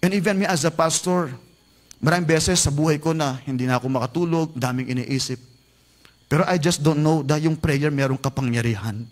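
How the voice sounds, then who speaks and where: A male Filipino pastor delivers a sermon in a notably high voice. He switches between Tagalog and English, speaking quietly at times and then building to loud, urgent exhortation. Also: fairly quick. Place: church.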